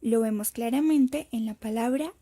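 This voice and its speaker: Soft-voiced woman teaching a lesson. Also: a little high, breathy edge. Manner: slow, careful explanatory delivery. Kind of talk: scripted lesson narration.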